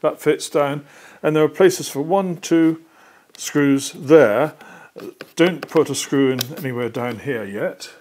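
A British man in his sixties speaks slowly in a fairly high, slightly mellow voice. As a workshop presenter indoors, he patiently walks through a hands-on assembly tutorial step by step.

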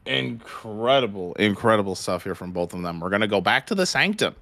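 Bright, forceful, animated male esports caster. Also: on the low side, brisk, slight background noise. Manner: playful, slangy, exclamatory. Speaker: esports tournament commentator. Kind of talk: live play-by-play fighting game commentary. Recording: music behind the voice.

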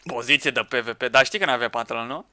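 A man commenting on a Minecraft match with friends, excitable, shouting at teammates and laughing. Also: mid-range voice, clean tone, dry recording, studio quality. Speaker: gaming YouTuber.

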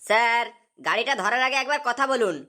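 A woman's voice: on the high side, a little fast, sharp tone. Woman voicing a cocky young chief's son. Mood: entitled. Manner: brash and pushy.

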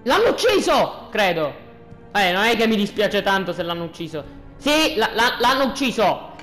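A gaming host giving casual, joking commentary, excitable and repeating phrases. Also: mid-range voice, moderate pace, soft background music.

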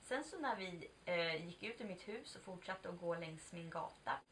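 A woman's voice: on the low side, animated, a bit bright. Chatty twentysomething woman vlogging, swears a bit, mic kinda far off, faint noise. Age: 20s. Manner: chatty and candid, swears, acts out quoted dialogue. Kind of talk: casual confessional storytelling.

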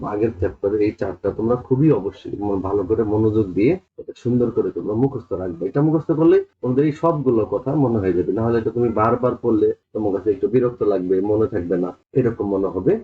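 A man with a Bangladeshi Bengali accent, teaching a lesson, explaining step by step and slowly repeating vowel sounds. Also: lowish voice. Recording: tinny phone-like audio.

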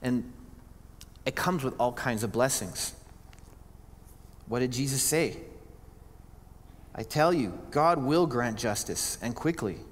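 A man's voice: medium pitch, animated, takes it slowly, long pauses. A male pastor preaching a sermon in an earnest, conversational way, often restarting his sentences. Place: church sanctuary. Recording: church hall reverb.

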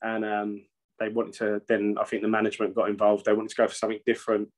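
This metal band's singer and bassist talks fast in a lowish, monotone voice. He's a guest on a video call, using his webcam in a shelf-lined room at home, and his casual chat wanders, full of swearing and restarts.

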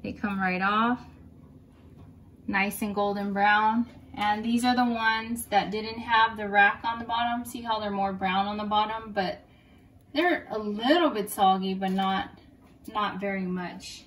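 A woman's voice: mid-range voice, fairly even intonation, measured pace, a bit bright, slight background noise. A middle-aged woman hosting a home cooking video, giving chatty, homey step-by-step instructions to her viewers. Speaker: cooking channel host.

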